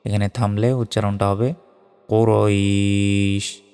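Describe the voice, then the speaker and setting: A man teaching Quran recitation who spells out each letter and vowel mark, then chants the words slowly. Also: fairly low pitch, little pitch movement, creaky, a little mellow. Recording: long hall reverb with faint music.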